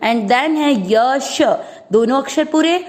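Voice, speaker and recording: High-voiced woman teaching slowly. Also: a little mellow. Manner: patient, drawing out syllables and repeating each word. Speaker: Sanskrit recitation teacher. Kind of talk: slow syllable-by-syllable pronunciation lesson.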